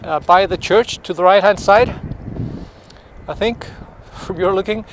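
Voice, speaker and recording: A man's voice: high voice, a little slow, a little hiss or hum. A man giving a live-streamed walking tour. He is sniffly from the cold and talks in a chatty way, greeting viewers by name and searching for words. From Iceland. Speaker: tour guide. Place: outdoors by a city pond in winter wind.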